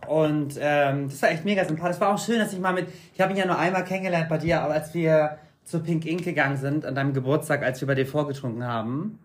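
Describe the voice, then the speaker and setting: A man's voice: on the high side, fast talker, few pauses. A young man co-hosting a casual podcast chat, gossipy and laughing. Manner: gossipy, laughing, camp banter. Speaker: podcast co-host.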